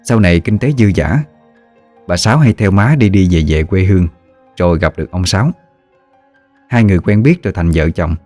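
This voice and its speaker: A man narrating a ghost story in a steady, measured storytelling voice. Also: low-pitched, no echo, soft background music.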